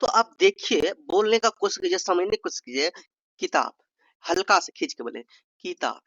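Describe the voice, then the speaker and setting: A man's voice: high voice, animated, moderate pace, a bit bright, dry recording, dull audio. A man from Bihar with a Bihari accent, teaching an informal revision lesson as an exam tutor, playfully stretching out vowels to demonstrate them and calling his viewers brother. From Bihar, India.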